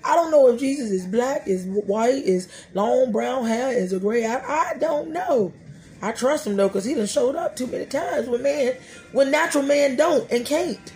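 Hosting a casual faith podcast, a woman in her 30s speaks at normal speed in a voice that sits high. She's animated and preachy, given to talking to herself and laughing asides. The recording comes from a small room, indoors in front of a dark curtain.

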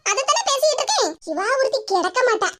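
A woman with a Tirunelveli Tamil accent voicing the chatty, teasing older women of an animated cartoon. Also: extremely high pitch, fast, faint music behind.

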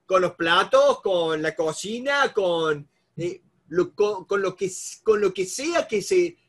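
High-voiced Argentine man lecturing a group. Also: slow pace. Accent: Argentine Spanish. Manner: animated, repetitive, calls on participants by name. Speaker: negotiation instructor. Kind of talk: live seminar lecture to a group.

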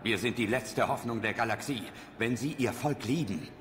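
A man's voice: medium pitch, normal speed, heavy background noise, natural voice. A man voicing a stern, resolute military commander in a video game, terse and authoritative. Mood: firm, persuading. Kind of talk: dramatic video game acting.

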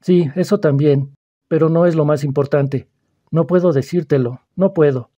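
A man's voice: on the high side, normal speed, warm tone, muffled recording, lightly acted. A man reading the part of an anxious schoolboy who begs to keep his secret, in an audiobook. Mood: frightened, pleading. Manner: anxious, pleading.

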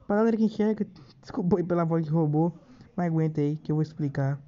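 A Brazilian man with a fairly high voice gives a casual, chatty walkthrough, addressing viewers like pals. The audio is dull and lo-fi, like a phone screen recording. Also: fast talker, mellow. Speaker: tutorial host.

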